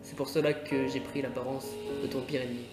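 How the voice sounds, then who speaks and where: An actor playing a solemn male spirit who judges souls in purgatory, speaking in measured tones. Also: mid-range voice, level tone, reverberant, over music, natural voice.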